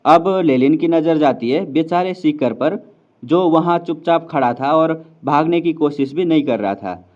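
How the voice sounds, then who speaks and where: A man's voice: a little high, unhurried. A man casually narrating a fantasy novel recap, chatty and addressing viewers as friends. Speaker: storyteller explaining a novel. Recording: slightly dull lo-fi sound.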